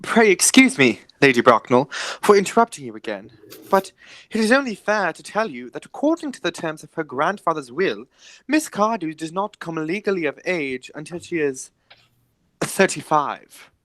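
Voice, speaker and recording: In an amateur radio play, a man voices an indignant, stubborn gentleman guardian, delivering his lines formally and emphatically. His voice sits a little high and is very animated, at a moderate pace with no echo, and his mood comes across as stubborn and triumphant.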